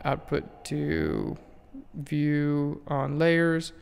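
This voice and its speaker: A man's voice: fairly high pitch, very animated, extremely slow, vocal fry, clear, resonant tone, in a large hall. Rambling man giving a photo-editing tutorial. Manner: casual, rambling, self-correcting. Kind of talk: screen-recorded software tutorial.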